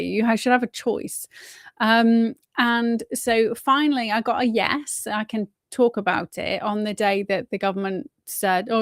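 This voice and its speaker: A woman's voice: medium pitch, dry recording, studio quality. A woman from England, hosting a live stream in a rambling, casual way, swearing often and asking "right?" after her points. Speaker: host.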